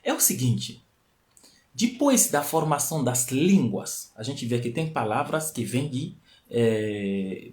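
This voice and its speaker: This live stream host's voice is mid-range and a little mellow as he teaches his audience through a live stream mic. He is not a native Portuguese speaker. His style is explanatory, with key phrases said more than once and emphasis that climbs to peaks.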